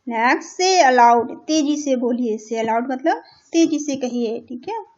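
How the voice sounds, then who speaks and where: A woman's voice: high-pitched, expressive, slow, darkish tone. An Indian woman teaching a children's English lesson, patiently translating each line and checking in with "theek hai" as she goes. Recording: dull lo-fi recording.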